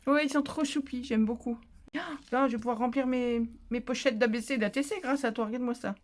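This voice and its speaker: Woman craft vlogger chatting away, a bit high voice, gushing over her mail at home. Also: steady tone, fast. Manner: chatty, emotional, exclaiming. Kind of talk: casual chat while opening mail.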